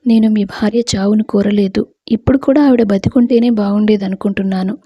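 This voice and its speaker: A determined young woman who will not back down, as a woman storyteller voices her. The delivery is firm and heartfelt, in a warm, breathy voice. The recording is close and dry. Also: medium pitch, fairly even intonation, fairly quick, no room sound, dull audio, close to an everyday voice. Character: earnest young woman in love, stubborn and determined.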